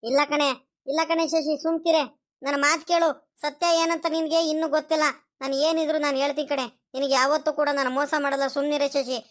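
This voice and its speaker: A woman's voice: high-pitched, little pitch movement, brisk, close to an everyday voice. A woman voicing a young village husband in a comedy cartoon, anxious and full of repeated pleading questions. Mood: defensive.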